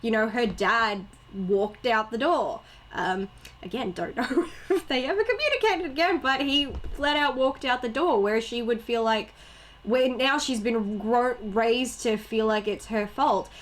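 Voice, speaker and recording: A young woman co-hosting a casual film podcast, animated, laughing often and acting out lines. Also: a little high, slow. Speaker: podcast co-host. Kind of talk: casual movie chat.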